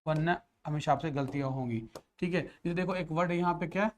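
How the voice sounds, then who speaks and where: A man's voice: on the high side, fast talker. A man teaching English grammar to exam students in Hindi, explaining patiently, mixing in English phrases and often checking that students follow. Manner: explains patiently, repeats checks like "theek hai".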